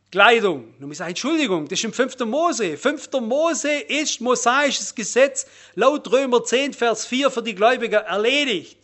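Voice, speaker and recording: A man preaching a sermon on scripture, earnest and emphatic, dropping to a low murmur and then stressing words loudly.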